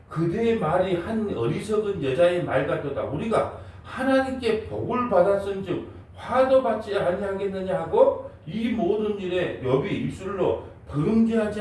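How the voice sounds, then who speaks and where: A man's voice: high voice, darkish tone, very echoey, recorded from a distance, a little hiss or hum, low-quality recording. A male pastor preaching at a dawn service, asking the congregation questions and acting out the voices he quotes. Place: church sanctuary.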